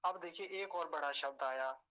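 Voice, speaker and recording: A man teaching a pronunciation lesson online. He speaks patiently and politely, and he slows down to repeat each word syllable by syllable. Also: fairly high pitch, bright, forceful tone, low-quality recording. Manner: slows down to spell out syllables, repeating words carefully; patient, polite, addresses students respectfully.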